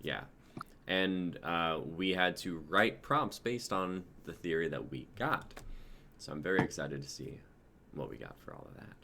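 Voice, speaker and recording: A low-sitting, expressive voice with vocal fry belongs to a twenties-aged host of a livestreamed script-reading show. He keeps a measured pace while being informal, excitable and sweary. The audio comes from a noisy home setup.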